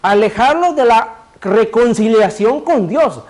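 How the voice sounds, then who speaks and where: Male preacher, high voice, sermon delivery, rhetorical questions answered himself, cues a reader to repeat verses. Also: expressive, unhurried, a little mellow. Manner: asks the congregation rhetorical questions and answers them; directs a reader to repeat scripture phrases.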